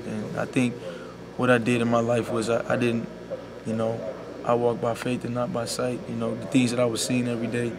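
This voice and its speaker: A young man, a college basketball player speaking softly and sincerely in a media scrum, leaning on "you know.". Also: mid-range voice. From Bahamas. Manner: soft-spoken and heartfelt, full of "you know". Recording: loud background noise.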